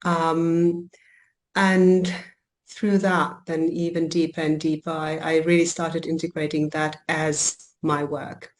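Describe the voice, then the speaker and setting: A woman's voice: sits low, flat delivery, slow, slight background noise. A woman from Germany, a coach and healer, talking reflectively in a podcast interview with frequent ums and restarts.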